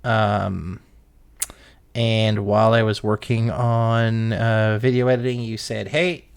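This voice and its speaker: A man's voice: lowish voice, little pitch movement, slow, creaky, smooth. A young man streaming live, chatting loosely with viewers and friends and swearing casually.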